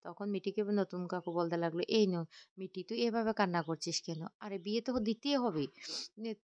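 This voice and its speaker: A woman's voice: mid-range voice, a little mellow, no room sound, highs cut off. Woman racing through a soap plot recap, lots of ums and restarts, dry close mic. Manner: rapid, run-on narration with frequent fillers and restarts. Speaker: narrator retelling a TV serial episode. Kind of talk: fast spoken plot retelling with quoted dialogue.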